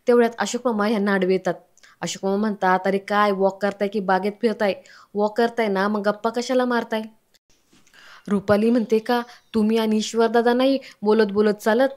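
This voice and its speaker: Woman narrating a serial recap, flat delivery. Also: medium pitch. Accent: Marathi. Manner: reads all characters' lines herself, quoting them in a mostly even tone.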